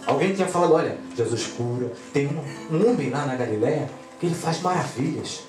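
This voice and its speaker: A man preaching a sermon, animated, swinging between loud exclamations and quiet asides. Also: mid-range voice, fairly quick. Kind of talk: pentecostal sermon. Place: church hall. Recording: echoey church with guitar music. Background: guitar playing.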